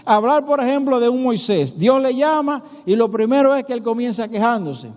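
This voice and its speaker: A Dominican pastor with a high voice preaches in an animated, conversational way and keeps asking the congregation questions. His words ring out with a long reverb inside the church sanctuary. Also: moderate pace. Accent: Dominican Spanish. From Dominican Republic. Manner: animated storytelling, acting out dialogue between biblical figures. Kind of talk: sermon.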